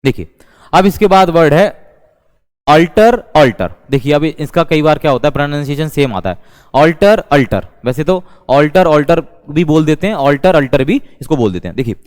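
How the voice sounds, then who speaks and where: Teaching English vocabulary in a lecture, this Indian-accented man keeps repeating terms while explaining, switching between Hindi and English and repeating words. His pitch is fairly high, his delivery animated and fairly quick, and his darkish tone carries a long reverb tail.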